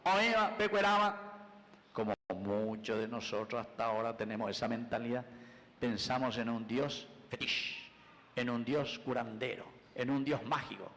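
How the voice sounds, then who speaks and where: A man preaching a sermon at Mass, moving between loud and soft and mixing in Guarani phrases. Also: medium pitch, flat delivery, moderate pace, slight background noise. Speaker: priest. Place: church. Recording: long church reverb.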